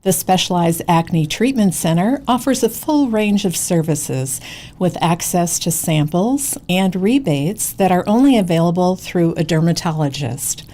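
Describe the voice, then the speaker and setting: A woman's voice: lowish voice, expressive, unhurried, mellow. A woman giving a scripted, informational advertisement narration as an announcer.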